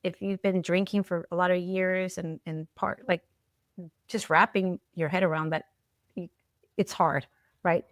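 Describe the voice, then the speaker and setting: A middle-aged woman, a podcast guest who works as an alcohol-free coach, talks in a casual, reflective interview with a lowish, steady voice on a dry, studio-quality recording. She's from Peru, having moved there at ten. Her speech is halting: she repeats words and keeps checking in with "right?" and "you know."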